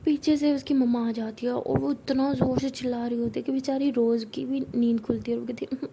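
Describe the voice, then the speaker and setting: A woman's voice: high voice, fairly even intonation, brisk, gravelly, background noise. A young woman telling a love story in a casual, chatty way, full of filler words. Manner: chatty, uses many fillers.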